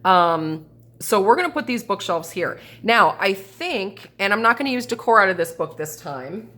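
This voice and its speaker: This planner and journal crafter from the American Midwest chats casually as she sets up a planner, thinking out loud at her craft table indoors. She sounds stuffy and sinusy, with a medium-pitched, expressive voice at normal speed that comes across pushed and bright. The audio comes from a camera mounted over the table.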